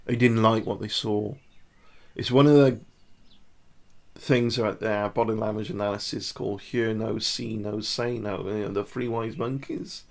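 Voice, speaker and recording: A man speaks at an unhurried, measured pace. His voice carries a gravelly, fry-heavy texture. He comments casually to camera on body language and coaches the listener through each pose. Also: fairly low pitch, fairly even intonation. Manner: demonstrative, talks the viewer through poses.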